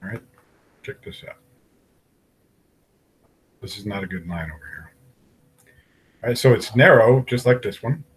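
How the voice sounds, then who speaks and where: Male algebra teacher, slightly low husky voice, steady step-by-step explainer. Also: measured pace, pauses often, low-quality recording. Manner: talks through problems step by step, asking questions aloud. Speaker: math teacher. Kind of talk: recorded algebra lesson.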